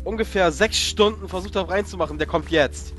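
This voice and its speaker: A man's voice: high-pitched, brisk, fairly bright tone. A man, grumbling and confused while chatting as he plays a game with friends. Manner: confused, grumbling, swears casually. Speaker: let's play gamer. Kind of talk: casual gaming banter. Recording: voice chat with faint background music.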